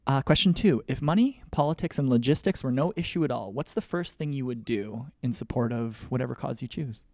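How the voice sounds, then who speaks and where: A man hosting an interview, asking questions in a relaxed, chatty way with many fillers. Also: medium pitch, a little fast, no room sound, clean studio sound. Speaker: podcast host. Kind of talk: casual interview conversation.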